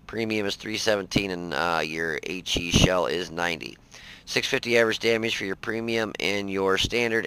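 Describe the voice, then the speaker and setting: Brief: tired man narrating game footage, deep gravelly voice, folksy and rambling. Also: pushed and bright, poor audio. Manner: rambling, filler-heavy, folksy. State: tired, yawning. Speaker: game reviewer. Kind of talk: casual gameplay commentary.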